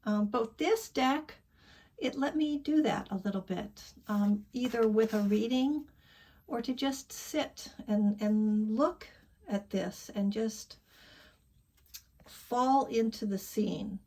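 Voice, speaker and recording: A woman's voice: fairly high pitch, slow pace. Candid rambling woman tarot vlogger. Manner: rambling, candid, trails off into soft asides. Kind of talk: casual chat.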